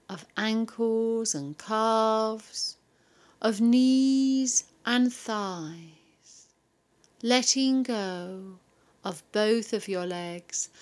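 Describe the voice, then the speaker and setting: A woman guiding a yoga and relaxation session, giving soft, soothing instructions with long pauses between phrases. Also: fairly high pitch. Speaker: yoga teacher.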